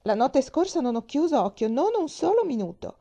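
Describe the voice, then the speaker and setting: A woman's voice: medium pitch, expressive, fairly quick, warm tone, lo-fi sound, pitched above the performer's own voice, close to an everyday voice. A woman doing a sour invalid woman. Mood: peevish. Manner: sour, complaining. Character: irritable bedridden woman of forty.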